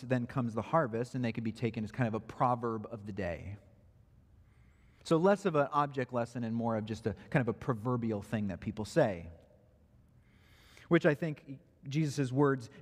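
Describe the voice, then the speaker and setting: A man's voice: medium pitch, long reverb tail. A man preaching an expository sermon who grows emphatic when he quotes scripture. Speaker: pastor. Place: church sanctuary.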